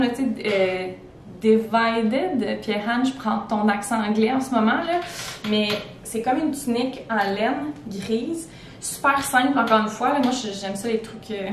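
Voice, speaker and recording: A young woman with a Québécois accent chats casually about her clothing finds, her talk full of fillers and restarts. She sits back from the camera, and the room rings with echo under a faint rumble. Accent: Québécois French. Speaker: teacher vlogger. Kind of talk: casual fashion haul chat. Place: indoors at home. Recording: echoey room, far from the mic, faint rumble.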